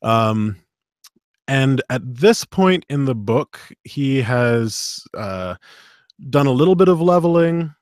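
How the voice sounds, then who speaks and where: A man's voice: mid-range voice, expressive, slow pace, darkish tone, no echo, studio quality. A man hosting a live show, chatting casually and animatedly with fillers and laughs. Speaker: host and audiobook narrator.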